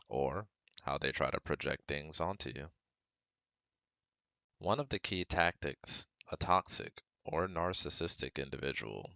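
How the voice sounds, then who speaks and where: A man with a very deep, gravelly, exaggerated voice and fairly bright tone plays a caring, protective best friend in an ASMR roleplay, with no room sound. He speaks straight to the listener, giving firm, earnest advice in a soothing, instructive way.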